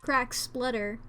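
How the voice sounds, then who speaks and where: A woman's voice: fairly high pitch, pushed and bright. A woman streaming a horror game, with playful, jokey commentary. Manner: playful, jokey, laughs often. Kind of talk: let's-play commentary.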